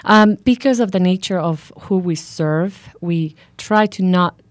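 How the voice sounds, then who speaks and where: A woman's voice: fairly low pitch, unhurried, dry recording. Earnest woman from Honduras, dry sound. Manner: earnest, hesitant with many fillers. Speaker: guest, foundation founder. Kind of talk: radio interview.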